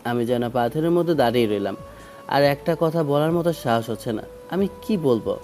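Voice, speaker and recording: A man's voice: mid-range voice, expressive, moderate pace, a little mellow, faint music behind. A young man narrating a romantic audio story in the first person, with dramatic emotion.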